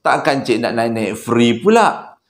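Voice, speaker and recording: A man's voice: medium pitch, big pitch swings, unhurried. A man voicing a frightened old male unlicensed taxi driver who cries out prayers in panic. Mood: wheedling. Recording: roomy echo.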